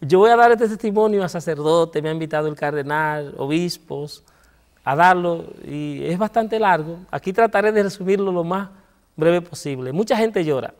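A man with a Dominican Spanish accent and a fairly high voice tells his testimony as a priest on a TV interview. He speaks earnestly, dropping low and soft at painful moments. The sound has a long, hall-like reverb. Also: lively intonation, normal speed. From Dominican Republic.

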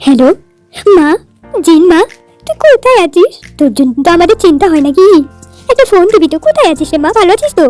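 A calm, fussy middle-aged father who is henpecked by his wife, played by a woman. The voice stays very high despite the male role. Faint music sits behind it. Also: fast talker, no echo. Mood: worried. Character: soft-spoken middle-aged husband and father.

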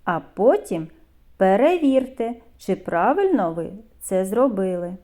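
A woman from Ukraine teaching young children in a video lesson, speaking slowly and patiently and stretching out sounds and syllables. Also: mid-range voice, sing-song, mellow, long reverb tail. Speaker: kindergarten teacher.

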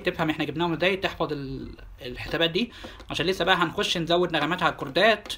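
Rapid, bright-voiced Egyptian guitar teacher. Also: male voice, a little high. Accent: Egyptian Arabic. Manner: explains step by step, naming notes and repeating them. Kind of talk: guitar lesson.

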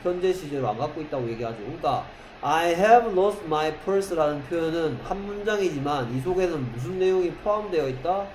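A man with a slightly high voice teaches English grammar in a classroom, firing rhetorical questions at his students and drawing out English example sentences one word at a time. The room is echoey, with a faint hum behind him. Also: moderate pace, a little mellow.

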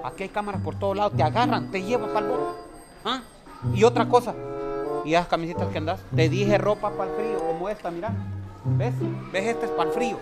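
High-voiced guy nagging his nephew in a comedy skit, music playing under it. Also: a little fast. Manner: scolding, insistent, tags lines with "¿ah?" and "papá". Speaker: comedy sketch actor playing an uncle. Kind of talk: comedy sketch acting.

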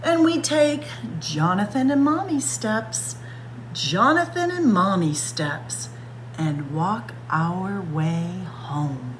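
A librarian reads a storybook to children very slowly in a mid-range voice, acting out and stretching each word in an expressive, child-directed way. The picture-book read-aloud takes place indoors among library bookshelves, and the poor audio has a little hiss or hum.

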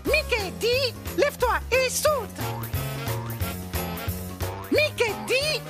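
An upbeat cartoon mouse with an extremely high falsetto. He gives simple, encouraging instructions to children at an unhurried pace, with music playing clearly behind him. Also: lively intonation, exaggerated voice. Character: cheerful high-voiced male cartoon mouse, upbeat exercise leader for children. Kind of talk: children's cartoon exercise show in French.

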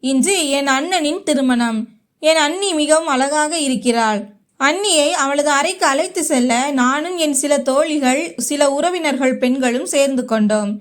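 A woman narrating a first-person short story in a slow, even storytelling manner. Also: sits high.

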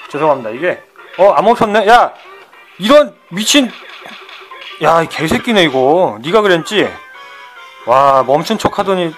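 A man streaming an old fighting game, swearing at the computer opponent and swinging between loud outbursts and low mutters. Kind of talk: profane retro game commentary.

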